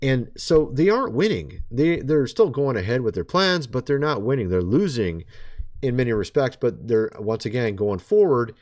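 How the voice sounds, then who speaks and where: A man delivers a casual video monologue with a sarcastic, chatty edge. His pitch swings around a lot, with a middle-of-the-road pitch underneath. He talks straight at the audience like an old friend. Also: very animated, moderate pace, a little mellow. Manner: sarcastic, chatty, keeps addressing listeners as folks. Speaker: vlogger.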